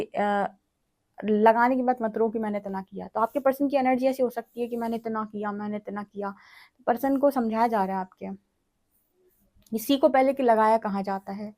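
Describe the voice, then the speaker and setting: Slightly high-voiced woman tarot reader. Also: warm tone. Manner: direct, lecturing, often adds "ठीक है". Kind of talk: tarot reading monologue.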